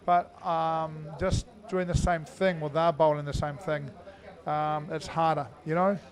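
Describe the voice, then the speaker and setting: Chatty male cricket commentator, high voice. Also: flat delivery, a little slow. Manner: chatty, filler-heavy, bursts into loud greetings to viewers. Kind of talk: live sports commentary. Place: indoor cricket arena.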